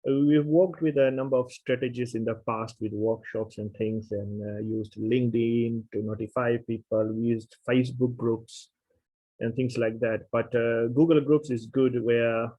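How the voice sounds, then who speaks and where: A man's voice: medium pitch, steady tone, measured pace, mellow. A middle-aged man from Fiji, a university lecturer, opening an online programming class with many fillers and restarts. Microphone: video call. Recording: dull lo-fi video call audio.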